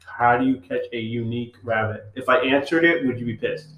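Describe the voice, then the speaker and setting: Young guy guesting on a podcast, quick teasing comebacks, echoey room, bit of hiss. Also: mid-range voice, fairly even intonation, dull audio. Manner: brief, teasing interjections. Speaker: guest co-host. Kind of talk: casual chat.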